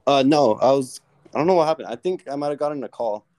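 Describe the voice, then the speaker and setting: A man's voice: mid-range voice, fast, background noise. A young man chatting casually on a podcast as a guest, laid-back and slangy. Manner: laid-back, slangy, says bro and dude. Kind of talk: casual chat.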